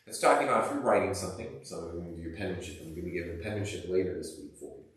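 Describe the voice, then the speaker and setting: A man's voice: sits low, rapid-fire, fairly bright tone. A male teacher giving a classroom lesson in a casual, rambling way with lots of fillers, recorded by a camera across the room. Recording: echoey room, distant camera mic.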